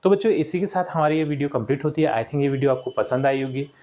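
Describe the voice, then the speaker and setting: A young adult male teacher giving a recorded lesson to schoolchildren, repeating each word slowly and checking in with the class after each point. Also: on the high side, darkish tone. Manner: addresses the class as children, checks with "ठीक".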